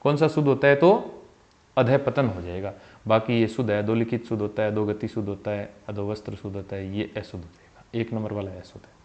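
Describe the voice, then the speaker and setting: A man teaching a Hindi exam-prep spelling lesson, repeating each word and its correct form and often dropping his voice softly at the ends of phrases. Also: fairly low pitch, a little fast. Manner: calls viewers "bhai", asks them questions; voice drops soft at the end of phrases. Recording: slightly dull, lo-fi sound.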